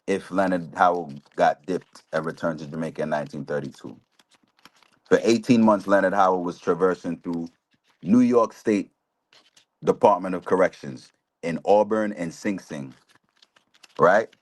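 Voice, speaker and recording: A man's voice: low-pitched, moderate pace. A man in his forties earnestly explaining history on a live talk show, often checking in with "right?". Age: 40s. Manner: earnest, lecturing, asks listeners "right?" often. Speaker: guest speaker, chaplain.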